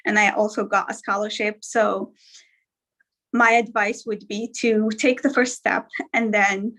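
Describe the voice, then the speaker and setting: A woman's voice: on the high side, a bit bright, poor audio. A young woman from Algeria, a guest speaker talking casually and a little hesitantly on a live stream, with many fillers and restarts.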